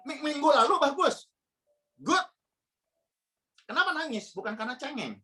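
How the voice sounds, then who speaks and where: A man's voice: sits high, bright, forceful tone. A man preaching a casual youth sermon, firing slangy rhetorical questions at his listeners.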